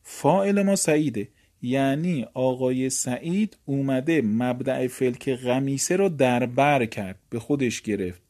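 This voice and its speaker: Dark-voiced man teaching Arabic grammar. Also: medium pitch. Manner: explanatory, repeats words and examples. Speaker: seminary teacher.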